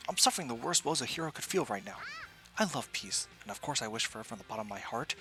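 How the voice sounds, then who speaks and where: A man voicing an earnest, excitable young girl superhero in a game, speaking loudly and theatrically. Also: mid-range voice, fast talker, heavily acted, poor audio. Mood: dramatic yearning. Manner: loud, dramatic, theatrical.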